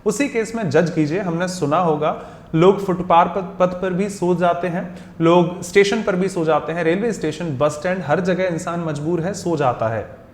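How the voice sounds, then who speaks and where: A man's voice: high voice, normal speed, roomy sound. A young Indian man with an Indian accent teaching English vocabulary in a video lesson, explaining patiently and spelling words out letter by letter.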